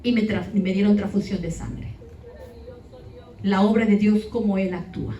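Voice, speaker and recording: A woman's voice: medium pitch, steady tone, moderate pace, dark tone, lo-fi sound. A woman giving an emotional testimony to her congregation, speaking directly to the listeners. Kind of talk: testimony sermon. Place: church hall. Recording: echoey church hall, far off, faint ambience.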